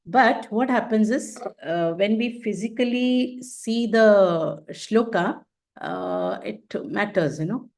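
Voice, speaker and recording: A woman leading a scripture class over a video call, in an animated, questioning, teacherly way. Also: medium pitch, takes it slowly. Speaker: class leader.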